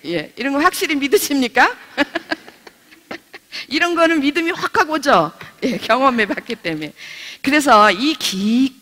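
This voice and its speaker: A middle-aged woman, a pastor's wife, teaches a Bible study in a bright voice that swings up and down in pitch. She is chatty, asks her listeners questions and laughs while telling stories, and the long reverb of a church hall surrounds her voice.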